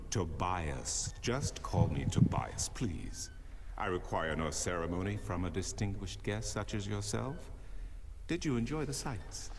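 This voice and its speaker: An actor playing a courteous, formal official in a video game, greeting a guest politely. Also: male voice, low-pitched, lively intonation, measured pace, big-room sound, background noise. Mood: gracious. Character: courteous older male official, formal host.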